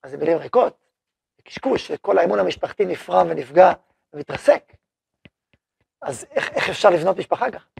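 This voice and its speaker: A man's voice: high voice, vocal fry, pauses often, slightly rough, dry recording. A man teaching a spoken religious lesson to students, telling everyday stories with acted-out dialogue and asking the class questions. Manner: animated storytelling, acting out short dialogues; asks the class questions and answers them. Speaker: yeshiva head teaching a class.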